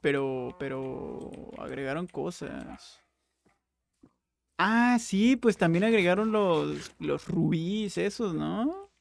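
A young man giving casual, jokey Minecraft let's play commentary, with bursts of excited exclaiming. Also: sits high, slow, vocal fry, slight background noise. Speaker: gaming YouTuber.

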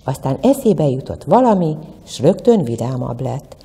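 A woman museum educator telling a children's tale in a lively, lilting way. Her voice sits low with a gravelly, dark tone. The recording carries the long reverb of a museum room. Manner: expressive, lilting storyteller. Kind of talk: storytelling for children.

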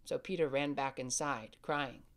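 Here the same kind of role appears: an actor voicing a tender older brother calming his younger sister and telling her a bedtime tale in a family audio drama. He speaks at medium pitch and a little slowly.

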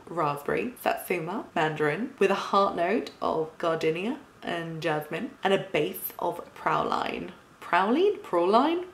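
A woman's voice: medium pitch, reverberant. A woman reviewing a perfume in a casual vlog, bubbly and gushing, laughing often as she talks.

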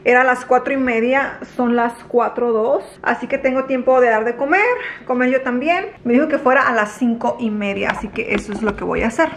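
A woman's voice: on the high side, brisk, fairly bright tone, slight background noise. Chatty woman vlogging. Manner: chatty, addresses viewers as chicos, frequent fillers. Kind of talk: casual vlog chat. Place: home and car.

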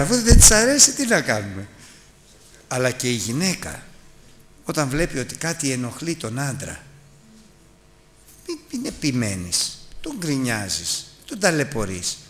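Lively, bright-voiced male preacher. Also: medium pitch, long pauses, a little hiss or hum. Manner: storytelling, then urgent exhortation to the congregation. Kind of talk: Bible teaching sermon.

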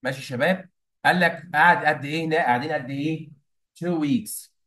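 A man's voice: a little high, fast talker, sharp tone, rough recording. A young man with an Egyptian Arabic accent explaining a play scene to students, mixing English words into his Arabic and quizzing them with prompts. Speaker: English teacher.

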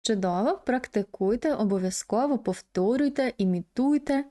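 A woman teacher patiently explaining pronunciation in an online language lesson, pausing often with hesitation sounds. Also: fairly high pitch, expressive, dark tone. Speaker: English teacher.

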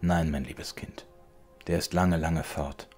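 A man's voice: deep voice, fairly even intonation, slow pace, a little mellow, faint music behind. A man reading as a tender, soothing mother.

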